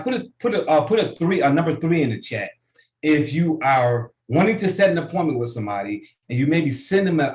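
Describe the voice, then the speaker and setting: A man coaching a business group through a software tutorial on a video call, casual and often checking in with "right?". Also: medium pitch, reverberant. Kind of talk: online tutorial training.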